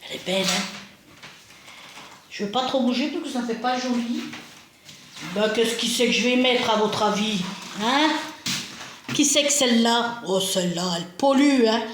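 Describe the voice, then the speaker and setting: A woman's voice: fairly high pitch, moderate pace, long pauses, a little hiss or hum. Chatty, self-mocking woman in an echoey room. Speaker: home vlogger. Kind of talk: casual chat while decorating a shelf. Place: indoors at home.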